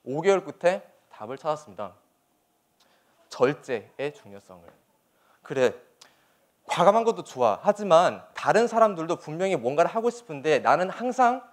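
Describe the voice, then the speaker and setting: A young man, a soldier, giving a motivational speech to an audience in an earnest, emphatic manner with rhetorical questions. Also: a little high. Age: young adult.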